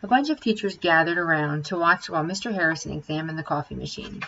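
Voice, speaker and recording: A woman teacher reading a children's chapter book aloud, with lively, expressive storytelling. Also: sits low, fast talker, lo-fi sound, slight background noise.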